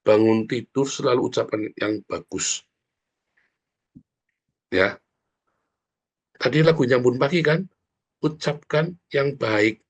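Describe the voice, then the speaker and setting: Brief: man pastor, casual and lively sermon delivery, mid-range pitch. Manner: animated, informal preaching that often addresses listeners as brothers and sisters.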